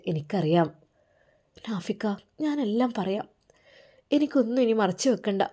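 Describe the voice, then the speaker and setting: A woman's voice: medium pitch, dark tone, lightly acted. A woman voicing a loving young wife who speaks with emotional, pleading tenderness. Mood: earnest.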